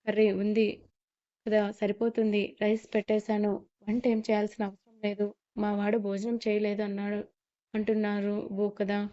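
A woman playing a gentle coaxing mother-in-law. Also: mid-range voice, natural voice. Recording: slightly muffled lo-fi recording.

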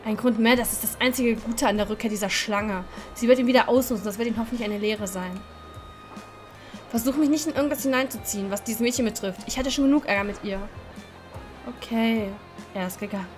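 A woman's voice: fairly high pitch, a little fast, soft background music. A woman hosting a let's-play, reading a dating game aloud and voicing every character, playful and laughing at her own slips.

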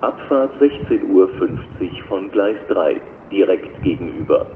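A man working as a railway station announcer, reading flat, scripted platform announcements in a measured, formal way. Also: sits low. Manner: measured, formal, flat delivery in set phrases. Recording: dull lo-fi recording with loud station noise.

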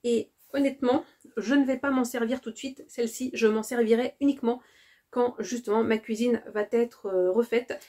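A woman's voice: on the high side, steady tone, normal speed, dark tone. A woman from France chatting casually to camera about her haul, often hesitating with fillers and repeating words. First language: French. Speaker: vlogger presenting a shopping haul.

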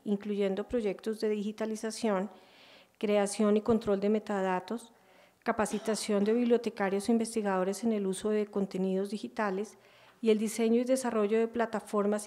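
A middle-aged woman with a soft, dark timbre and medium pitch presents at a conference. She reads aloud formally from a prepared text at the podium. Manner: formal, reading aloud with occasional stumbles. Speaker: conference presenter, library director. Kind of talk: formal introduction read from paper. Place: auditorium, indoors. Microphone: gooseneck podium microphone.

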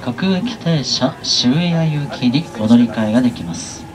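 A man's voice: mid-range voice, lively intonation, measured pace, a crowd in the background, low-quality recording. A man making a live train conductor's announcement over the carriage speakers. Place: train PA, heard inside the carriage.

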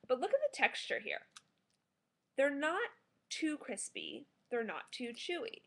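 Bright, high-voiced woman reviewing food. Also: big pitch swings, measured pace, vocal fry. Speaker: food blogger and product reviewer. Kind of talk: casual food review to camera. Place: small living room at home, indoors.

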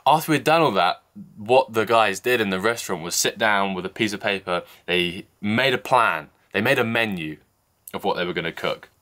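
A young man vlogs from a snowy mountain cabin, holding the camera at arm's length as he chats casually and jokes about his own lack of skill. His lowish voice is expressive and sharp-toned, at a moderate pace. He explains things as he goes, in casual vlog narration.

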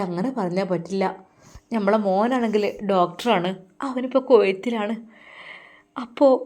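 A woman's voice: a little high, close to an everyday voice. A woman voicing a caring mother who coaxes and reassures her daughter. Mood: persuading. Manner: coaxing, louder.

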